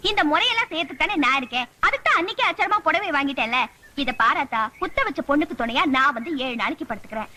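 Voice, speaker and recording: An actress playing a chatty, sharp-tongued young village woman in a Tamil film scene. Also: high-pitched, animated, quick pace, a little hiss or hum. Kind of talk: Tamil film comedy acting.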